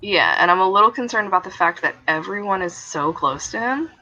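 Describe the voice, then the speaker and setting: Husky woman player, dull lo-fi sound. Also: medium pitch, expressive, fairly quick, bright, forceful tone. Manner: hesitant, thinks aloud, swears. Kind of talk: casual game talk. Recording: dull lo-fi recording.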